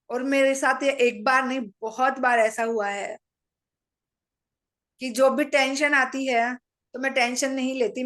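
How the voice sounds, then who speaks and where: Speaking to a meditation audience, a middle-aged woman with a slightly high voice calmly recounts a personal story. She tells it matter-of-factly, acting out her own quoted lines from conversations.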